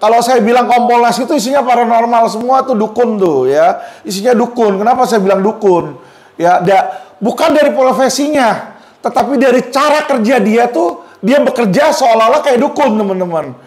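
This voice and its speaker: High-voiced guy w/ slang ranting at viewers, blunt and mocking legal commentary. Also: moderate pace, darkish tone. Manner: combative, mocking, addresses viewers directly. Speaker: lawyer giving legal commentary.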